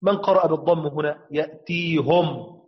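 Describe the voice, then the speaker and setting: A man teaching a lesson on the variant readings of the Quran, explaining step by step, asking and answering his own questions and chanting verse examples slowly. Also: on the high side, muffled recording.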